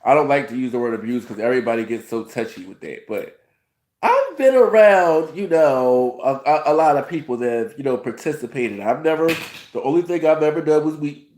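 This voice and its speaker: This thirtysomething host sounds a little mellow, with a medium pitch, lively intonation and a fairly quick pace. Fighting a cold, he meanders through his laid-back reality-TV review vlog, full of "you know" fillers and false starts.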